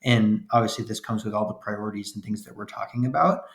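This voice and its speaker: A man's voice: lowish voice, fast, echoey room. A man in his thirties, a podcast guest, talking earnestly and steadily with plenty of "um" and "right?". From upstate New York. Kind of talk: casual interview chat.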